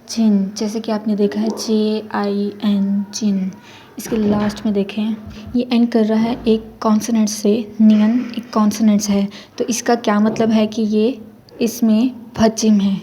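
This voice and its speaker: A young woman teaching a casual beginner language lesson, switching into English phrases and slowly drawing out example words. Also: medium pitch, dark tone, slight background noise. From Pakistan. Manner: mixes English phrases into Hindi-Urdu.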